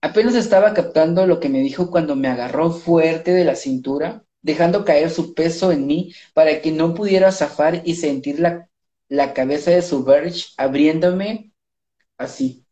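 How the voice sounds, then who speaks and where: A podcast co-host with a Mexican accent, reading an erotic story aloud in a drawn-out casual way, laughing and hesitating. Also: medium pitch, mellow. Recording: dull, roomy lo-fi recording.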